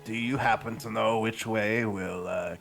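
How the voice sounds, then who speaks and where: A man's voice: lowish voice, fairly even intonation, measured pace, creaky, a bit bright, faint music behind. A man playing a rat adventurer who speaks formally and courteously in a tabletop game. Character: Mister Cheddar, a rat adventurer, polite.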